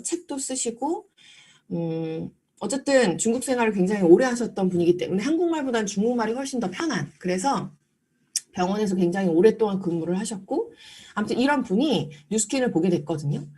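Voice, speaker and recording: Animated woman telling a story. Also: mid-range voice, fairly quick, slightly rough. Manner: animated, acts out quoted dialogue; speaks directly to the audience. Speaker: business seminar speaker. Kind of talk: storytelling lecture.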